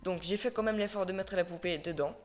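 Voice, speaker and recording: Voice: mid-range voice, fast talker, soft background music. A toy reviewer talking casually into a phone camera at home, chatty and rambling, often correcting themselves and dropping English words into the talk. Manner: mixes English words into French. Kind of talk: casual unboxing-style review. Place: at home with a ring light.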